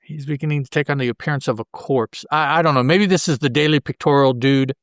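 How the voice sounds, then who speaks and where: A podcast host with a slightly higher-pitched voice gives a casual recap of a comic book story, talking colloquially and tossing in jokes. He speaks quickly. The close, fairly dry sound has no room echo.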